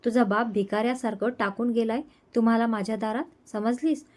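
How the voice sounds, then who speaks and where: Woman doing harsh scolding aunt, middle-aged, insulting, high-pitched storybook voice. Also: steady tone, fairly quick, close to an everyday voice.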